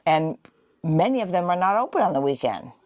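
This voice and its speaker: A woman co-hosting a travel vlog, telling stories in an animated, laughing way. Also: on the low side, fairly quick, no echo, muffled recording. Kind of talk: casual travel chat.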